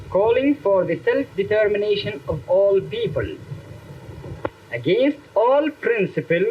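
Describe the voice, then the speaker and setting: Man, high voice, formal measured speech, old 1930s newsreel, muffled lo-fi sound. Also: slight background noise. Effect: old 1930s newsreel footage. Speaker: spokesman stating grievances. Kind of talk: formal prepared statement.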